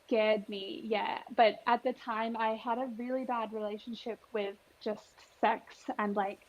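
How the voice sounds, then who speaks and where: A woman's voice: a little high, fairly even intonation, measured pace, muffled recording. A woman in her twenties co-hosting a podcast, talking candidly and casually with frequent agreeing responses. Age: 20s. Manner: candid, frank, eager backchannels. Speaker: podcast co-host. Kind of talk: casual chat.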